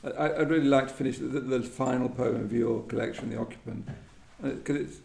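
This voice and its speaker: This man's voice is gravelly and darkish, medium in pitch, fairly quick and evenly intoned. Hosting a poetry event, he muses on literature in tentative, thoughtful phrasing that often closes with a questioning tag. The recording carries the roomy echo and faint background noise of an indoor live venue.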